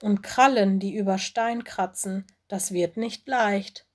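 A woman's voice: medium pitch, takes it slowly. A woman voicing an earnest, brave but anxious young male forest-school animal. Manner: earnest, determined.

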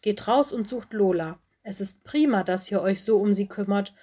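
A woman voicing a busy, motherly fox headmistress in a children's audiobook, gentle but firm. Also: medium pitch, normal speed, husky, lightly acted. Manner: gentle, softly stern.

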